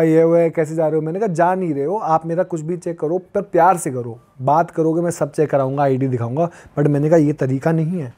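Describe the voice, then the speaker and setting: A man in his twenties from Uttar Pradesh, a podcast guest telling a story casually and acting out the lines people said to him. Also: fairly high pitch. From Uttar Pradesh, India. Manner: lively retelling that acts out quoted dialogue. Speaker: podcast guest, long-distance pilgrim walker.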